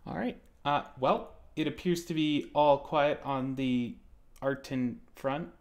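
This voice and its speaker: A man's voice: mid-range voice, slow. A man co-hosting a casual online art critique stream, joking and rambling as he corrects himself mid-sentence.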